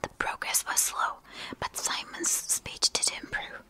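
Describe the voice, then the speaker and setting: A woman whispering quickly as she reads a story aloud for ASMR, a native Turkish speaker who sometimes stumbles over and repeats words. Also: sharp tone. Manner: fast whispering. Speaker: ASMR reader.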